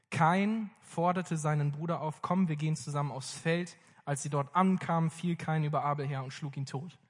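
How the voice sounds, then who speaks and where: A young man preaching a sermon in a casual, lively way, speaking directly to his congregation. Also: a little high. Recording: long reverb of a hall.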